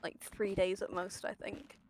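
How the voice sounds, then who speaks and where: A woman's voice: mid-range voice, flat delivery, unhurried, very noisy. A young British woman with a lisp that slushes her s sounds, chatting casually while streaming a game in a rambling, sweary, exclamatory way. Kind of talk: casual chat while gaming.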